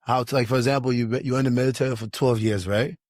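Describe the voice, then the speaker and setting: A man from Liberia hosts a casual panel podcast, speaking at a middling pitch in a dry, close-miked studio sound. He presses his points hard, doubling words as he goes. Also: steady tone, fast, a little mellow, no room sound. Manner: emphatic, repeats words while building a point. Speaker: podcast host.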